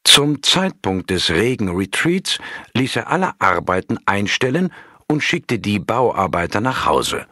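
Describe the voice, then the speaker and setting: An audiobook narrator reads a scripted story aloud, calm and measured in his storytelling. His voice is on the low side, captured as a dry, clean studio recording.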